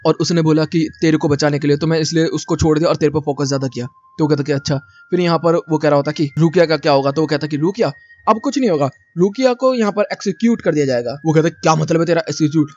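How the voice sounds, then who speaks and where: A man's voice: a little high, quick pace, darkish tone. A man giving a chatty, slangy recap of an anime, talking to viewers like friends. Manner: chatty, addresses viewers as brother, slangy asides. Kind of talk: casual spoken recap narration. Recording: dull lo-fi recording.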